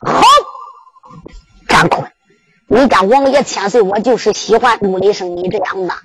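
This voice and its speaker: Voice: mid-range voice, normal speed, noisy background, pitched below the performer's own voice, lightly acted. A storyteller with a Henan accent voicing an elderly prince who declaims his commands in a commanding, fatherly manner. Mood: approving.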